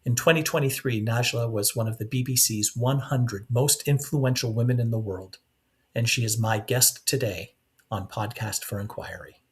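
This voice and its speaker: Hosting an interview podcast, a man with a mid-range voice poses lengthy questions at a moderate pace. He keeps restarting and filling gaps, clearly searching for the right words.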